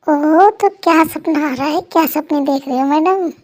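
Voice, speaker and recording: A high-voiced, playful young woman friend, played by a woman in a fan story role-play. She teases constantly, in a light and cheeky way. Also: normal speed, darkish tone, lightly acted. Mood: teasing. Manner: teasing.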